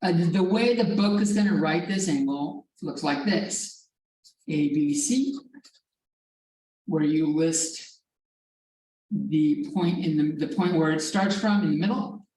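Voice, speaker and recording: A woman's voice: lowish voice, slow, dark tone, roomy sound, a little hiss or hum. A woman teaching a math class as professor, in a casual, digressive way with some swearing, recorded from far off in a classroom. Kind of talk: classroom lecture.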